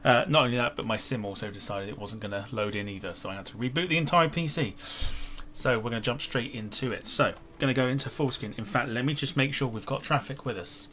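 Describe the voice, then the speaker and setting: A man's voice: medium pitch, fast, fairly bright tone. A man hosting a flight sim livestream in casual, informal chat, talking to his viewers. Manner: chatty, informal, greeting viewers by name. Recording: livestream with clear background noise.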